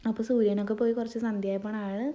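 A woman's voice: mid-range voice, little pitch movement, very fast, warm tone, highs cut off. A woman narrates a family vlog in a chatty, rambling way, her voice wavering from a sore throat. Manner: chatty, rambling, speaking to viewers. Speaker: family vlogger. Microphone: phone.

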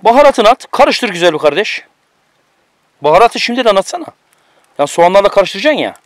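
With a high, sing-song voice and a slightly fast delivery, a man cooking on a mountainside teases his friend and tells him what to do in a bossy running chat. The camera-mic recording is dry.

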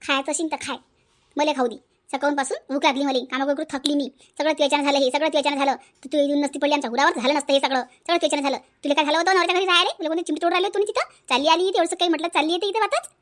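A woman's voice: high voice, fairly even intonation, very fast, a bit bright. A woman voicing a quarrelsome older mother-in-law in a cartoon, scolding and grumbling. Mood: bitter.

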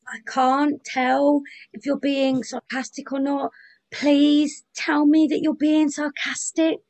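A woman with a British accent playing an exasperated audition judge who sighs and calls out loudly. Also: high voice, flat delivery, takes it slowly. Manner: weary, sighing, loud.

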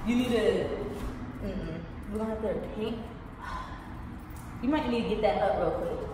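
A woman's voice: medium pitch, normal speed. A woman in her twenties bickering casually on a vlog, blunt and complaining. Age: 20s. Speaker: vlogger in challenge video. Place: large bare room indoors. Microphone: camera a few feet away. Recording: echoey room, distant mic, clear background noise.

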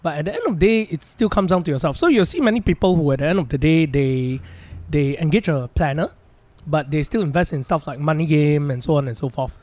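A man's voice: fairly high pitch, expressive, fast, darkish tone. A man in his thirties with a Malaysian accent, explaining things casually and practically as a financial planner on a podcast. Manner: practical, plain-spoken.

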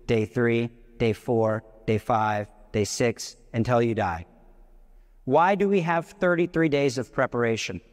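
A man giving a live devotional talk to an audience. He is passionate and emphatic, with big swings in his voice and joking asides. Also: medium pitch. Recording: long hall reverb.

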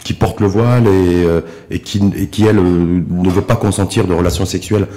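A middle-aged man hosting a studio interview, posing questions with frequent rephrasing and drawn-out hesitations. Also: low voice, steady tone, dark tone. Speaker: interview host. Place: small radio-style studio. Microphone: desk microphone with pop filter.

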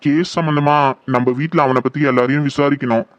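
A man's voice: fairly high pitch, steady tone, a little fast, dry recording, natural voice. A man voicing a worried assistant police commissioner in a horror audio drama, talking earnestly and troubled. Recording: dull lo-fi, dry.

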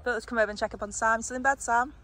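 A woman's voice: on the high side, fairly even intonation, racing, fairly bright tone. A woman in her thirties chatting casually and chirpily to her vlog, filmed on a phone at arm's length. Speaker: metal detecting vlogger. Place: outdoors in a grassy field campsite. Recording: noisy handheld outdoor phone recording.

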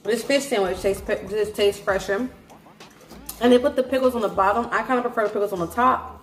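A woman's voice: medium pitch, brisk, faint music behind. A woman casually reviewing food, chatting while she talks with her mouth full. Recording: echoey room, faint background noise.

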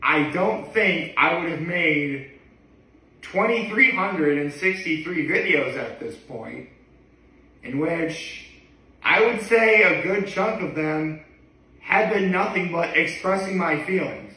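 A man's voice: fairly high pitch, lively intonation, takes it slowly, sharp tone. A man in his thirties talking casually to camera in a hesitant, digressive way, often backtracking. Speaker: daily video blogger. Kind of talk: casual rambling vlog to camera. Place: living room, indoors. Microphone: camera a few feet away. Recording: echoey room, distant microphone.

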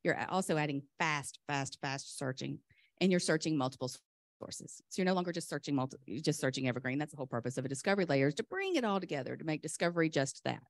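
A woman presenting a rushed lightning talk at a conference, enthusiastic and chatty, often interrupting herself in a flustered way. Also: low voice, big pitch swings, no room sound, clean studio sound. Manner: flustered, chatty self-interruptions while juggling laptop. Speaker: conference speaker, software vendor presenter.

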